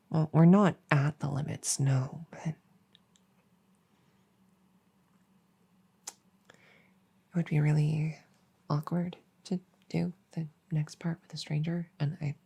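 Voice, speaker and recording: Casting: a woman to play an awkward, soothing elf girl, soft-spoken ear cleaning ASMR role-play, mellow and lowish, unhurried rambling delivery. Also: full character voice. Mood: hesitant, encouraging. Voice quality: breathy, soft. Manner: hesitant, rambling, gently soothing. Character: nerdy, friendly, awkward young female elf cleaning ears.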